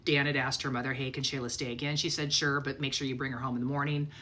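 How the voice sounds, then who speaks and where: Middle-aged woman, low but bright voice, lively personal testimony. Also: fast. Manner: animated, acts out her own panicked thoughts. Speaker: storyteller sharing her testimony. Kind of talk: casual faith testimony.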